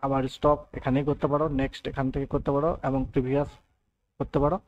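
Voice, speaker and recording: A man giving a step-by-step software tutorial over a screen recording, checking in with his listeners often. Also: mid-range voice, little pitch movement, quick pace, no room sound, lo-fi sound. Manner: explains step by step, often adds "thik ache" and "right". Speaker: computer tutor.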